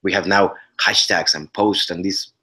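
A man with a Mexican Spanish accent, whose first language is Spanish, appears as an actor guest in a casual interview over a webcam video call from his living room. His low voice has a breathy edge and a measured pace. He's earnest, restarts often and gestures in a lively way.

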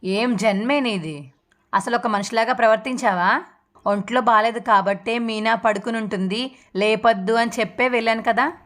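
A woman's voice: on the high side, normal speed, fairly bright tone, close to an everyday voice. A woman voicing a stern, fair-minded older father who firmly rebukes his wife, in a serial recap read. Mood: reproachful. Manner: firm, reproachful.

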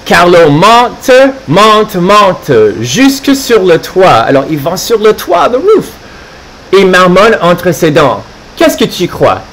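A man reads a children's storybook aloud on a live stream, in a slightly higher, very animated voice. He takes his time and breaks off often to explain words to young learners. His delivery is playful and expressive. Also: takes it slowly. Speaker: French teacher for children.

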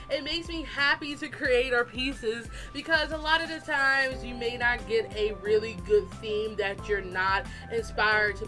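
A woman artist giving a chatty, animated, self-deprecating casual voice-over for a drawing video. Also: on the high side. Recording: fan blowing nearby, slightly distorted, music behind. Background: music and a fan running.

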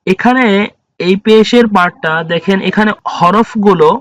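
A man teaching Quran reading, patiently spelling out letters and their vowel sounds one by one in a slow drill. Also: sits high, no room sound. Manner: patient, drawn-out letter-by-letter recitation.

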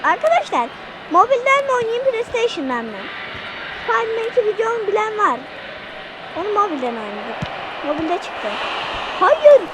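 A woman giving excitable let's-play commentary, shouting at the game and talking to her viewers. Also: extremely high pitch, moderate pace, pauses often, background noise. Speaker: gaming channel host.

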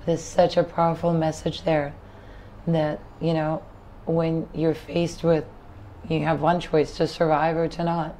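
Woman interviewer, really low flat voice, mellow, admiring tone, faint noise behind. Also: a little slow. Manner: admiring, reflective. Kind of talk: earnest interview talk.

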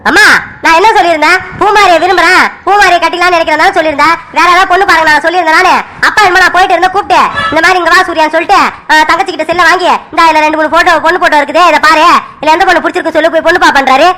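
A woman's voice: very high voice, fairly even intonation, very fast, sharp tone, slight background noise. A woman doing a frustrated young son in a cartoon. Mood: upset. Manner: complaining, repeats himself. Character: young man, upset son, insistent and frustrated. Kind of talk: animated cartoon serial voice.

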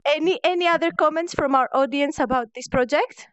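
A woman's voice: sits high, a little fast, dry recording, highs cut off. A woman from Greece, hosting a live-streamed online event in casual chat, hesitant and repeating words. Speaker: event host. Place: online virtual world event, home mic.

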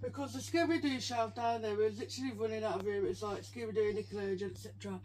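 A woman's voice: a little high, steady tone, fast talker, darkish tone, slight background noise, low-quality recording. A young British woman co-hosting a home vlog, out of breath from sorting shelves, talking plainly with hesitant fillers. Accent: British English. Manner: plain-spoken, hesitant, slangy. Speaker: channel co-host. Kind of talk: casual vlog chat. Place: home room with game shelves.

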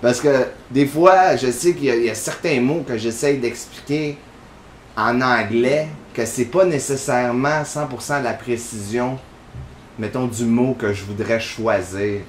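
A man's voice: medium pitch, measured pace, roomy sound, slight background noise. A man with a Quebec French accent, hosting casual gameplay commentary in a chatty, rambling way full of fillers. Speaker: gaming channel host.

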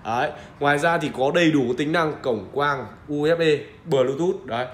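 A man's voice: a little high, moderate pace. Northern vietnamese guy doing hard sell shop ad, pushy and repetitive, roomy sound w a bit of noise. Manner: insistent, repetitive, urging buyers. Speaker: audio shop seller presenting a product. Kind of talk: hard-sell ad pitch, informal product demo. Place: indoor shop room with audio gear. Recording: roomy echo with faint background noise.

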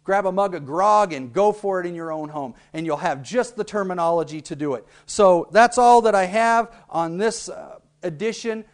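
A man's voice: sits high, normal speed, hardly any pauses. A man hosting a local cable TV segment, explaining things in a playful, joking way. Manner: jokey, playfully exaggerated delivery. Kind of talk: humorous explainer monologue.

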